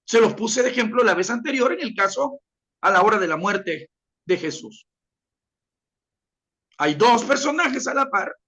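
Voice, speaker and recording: A man gives a classroom lecture, leaning on repeated examples and addressing his listeners directly. His pitch moves a lot, rising and falling as he explains. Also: vocal fry, sharp tone. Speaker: teacher.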